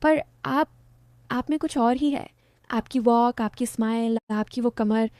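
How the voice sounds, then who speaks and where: A woman voicing an infatuated young son-in-law who speaks in a soft, pleading way. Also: very high-pitched, a little slow, smooth, dry recording, studio quality. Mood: admiring.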